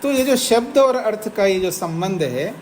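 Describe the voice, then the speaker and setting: A man lectures a class in an ashram, moving steadily through a classical text. He reads each Sanskrit line slowly, then explains it in plain talk and asks his students whether they follow. A faint hiss and the hum of the room sit under his voice. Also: high-pitched, lively intonation, a little mellow, poor audio. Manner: slows to read the Sanskrit text aloud. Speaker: teacher of philosophy.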